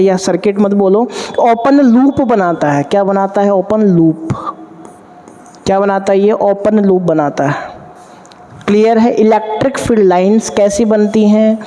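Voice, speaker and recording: Male physics teacher, high and mellow-toned, drills the class with call-and-answer questions; long hall reverb. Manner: addresses students warmly as 'beta'. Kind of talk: classroom lecture at a board.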